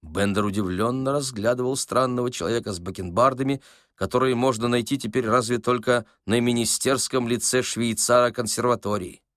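A man narrating a literary story in a lively, expressive way. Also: medium pitch, dry recording, clean studio sound. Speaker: audiobook narrator.

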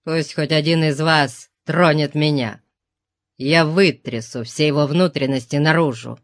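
A man's voice: fairly high pitch, steady tone, a little slow, no room sound, studio quality. Man reading a scornful barbarian warrior. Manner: contemptuous, grumbling.

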